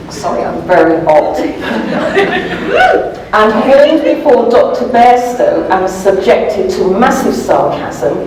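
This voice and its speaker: A woman author gives a live comic reading from her own novel, wry and amused and often chuckling, in a medium-pitched, darkish voice. It was recorded in an indoor event room that sounds echoey, with a distant mic and background noise.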